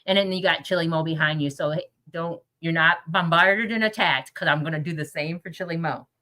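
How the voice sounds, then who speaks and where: A woman's voice: deep voice, brisk, sharp tone. A woman hosting a podcast, asking questions in a casual group conversation with an informal, encouraging manner. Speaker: podcast host.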